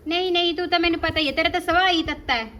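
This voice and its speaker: A woman's voice: very high voice, fairly even intonation, very fast, bright, forceful tone. A woman with a Punjabi accent playing a married daughter pleading and arguing with her mother. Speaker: married daughter visiting home.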